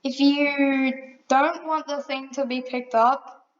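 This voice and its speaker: Slow-talking young-sounding woman tutorial voice. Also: sits high, lo-fi sound. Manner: relaxed, self-correcting, chatty asides. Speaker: tutorial maker. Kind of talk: casual screen-recorded tutorial.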